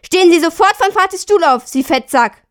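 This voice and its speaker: A woman reading the part of a defiant ten-year-old boy who speaks in raised, loud outbursts. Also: fairly high pitch, normal speed, no room sound, clean studio sound, natural voice. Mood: furious.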